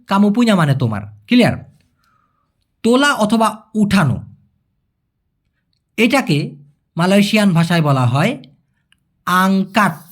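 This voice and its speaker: A high-pitched man from Bangladesh teaching vocabulary in a patient, step-by-step way. He repeats each new word slowly and keeps checking that his listeners understand. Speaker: language teacher. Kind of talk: spoken language lesson.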